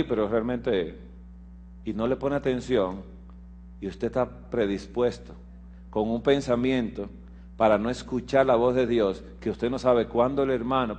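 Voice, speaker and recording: A man giving a sermon mixed with a medical lecture, explaining step by step and checking that listeners follow, moving between emphatic raised passages and quiet low asides. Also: slight background noise. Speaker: preacher and physician.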